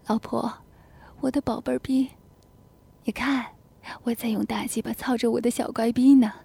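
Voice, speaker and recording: A woman voicing a tender, teasing young husband in a whispered role-play, with a hushed, coaxing murmur. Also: fairly high pitch, fairly even intonation, moderate pace, slightly rough.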